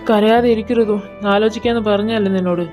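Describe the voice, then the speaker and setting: A woman's voice: medium pitch, steady tone, fast, darkish tone, soft background music, natural voice. A woman with a Malayali accent voicing a short-tempered, protective older brother who scolds and threatens his little sister in a fan audio drama. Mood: scolding. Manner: gruff scolding, threatening, mock teasing.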